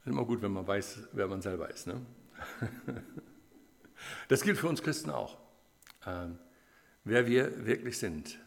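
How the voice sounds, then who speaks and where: A man preaches in an informal, conversational way, telling a story to his congregation with frequent filler sounds. His voice is fairly low and carries a gravelly fry. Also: lively intonation, a little slow, pauses often, a little hiss or hum. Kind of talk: sermon.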